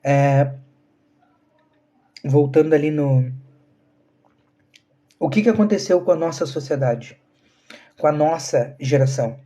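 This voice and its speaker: Slow and pausing often, his fairly high voice carries a dark tone. He's a spiritual channel host in his 30s from southern Brazil, addressing live stream viewers earnestly and asking rhetorical questions.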